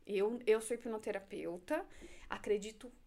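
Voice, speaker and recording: A woman's voice: mid-range voice, moderate pace. A woman psychologist and hypnotherapist, talking casually as a podcast guest and acting out the scenes she describes. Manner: animated, acts out scenes and quotes.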